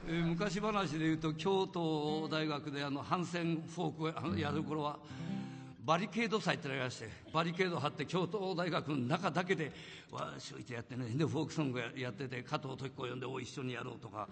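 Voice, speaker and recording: A man's voice: on the high side, fast talker, creaky. An older man from Hokkaido hosting a talk show, chatting and telling anecdotes with frequent laughter. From Hokkaido, Japan. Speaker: host. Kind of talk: casual chat and storytelling. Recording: echoey hall with faint guitar music.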